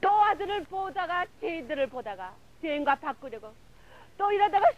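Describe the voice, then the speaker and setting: Woman preacher, high voice, fervent breathless testimony. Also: expressive, normal speed, dull audio. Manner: fervent, breathless retelling, runs of filler words. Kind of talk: emotional sermon testimony.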